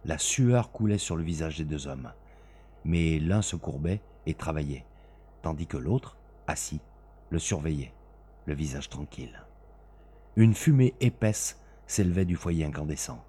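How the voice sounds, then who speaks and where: A man narrating a story as an audiobook, in a measured, dramatic manner. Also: extremely low pitch, lively intonation, dark tone, breathy edge.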